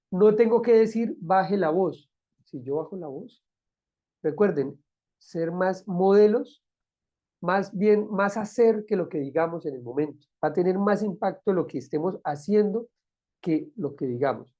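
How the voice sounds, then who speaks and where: A man's voice: high-pitched, expressive, normal speed, warm tone, muffled recording. A man teaching a recorded lecture, explaining patiently and repeating key phrases. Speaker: instructor.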